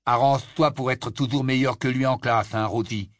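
A man's voice: medium pitch, steady tone, moderate pace, dry recording, clean studio sound, lightly acted. A man voicing a joking, teasing father in an audiobook reading. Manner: joking, sheepish. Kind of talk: audiobook character voice.

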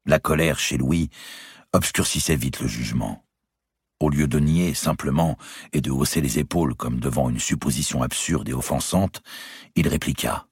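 A man narrating a historical novel as an audiobook, in a measured, dramatic way. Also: a bass voice, husky, dry recording, studio quality.

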